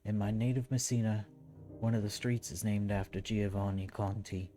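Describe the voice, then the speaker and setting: A man voicing an old, proud Sicilian mafia boss, in a shaky put-on Italian accent and a slow, weighty delivery. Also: fairly low pitch, little pitch movement, mellow, faint music behind, natural voice. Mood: solemn, boastful.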